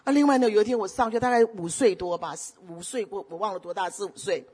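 A middle-aged woman preaches with a husky, medium-pitched voice at a quick pace. She shifts between loud exhortation and gentle storytelling, repeatedly asking her congregation rhetorical questions.

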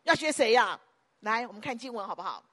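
A woman pastor preaching a sermon emphatically, piling up repeated phrases and breaking into sudden loud bursts. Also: a little high, expressive, fairly quick.

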